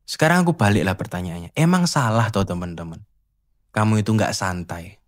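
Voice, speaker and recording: A man's voice: on the low side, lively intonation, brisk. A man hosting a casual spiritual monologue, teasing and rhetorical as he challenges the listener. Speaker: host.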